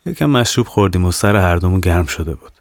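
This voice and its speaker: A man narrating a serialized horror audio novel in the first person, calm and measured. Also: low-pitched, no room sound, clean studio sound. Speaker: narrator and author.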